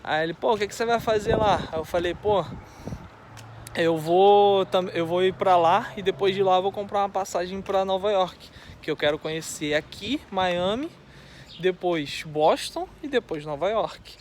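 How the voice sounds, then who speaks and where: A Brazilian man telling a story in a casual, animated way, acting out both sides of a conversation. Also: sits high, unhurried, a little hiss or hum. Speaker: vlogger.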